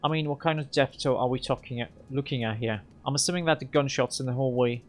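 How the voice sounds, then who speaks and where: A man reading a game aloud and voicing a nervous, defensive male hacker in a higher, strained voice. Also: fast, lightly acted.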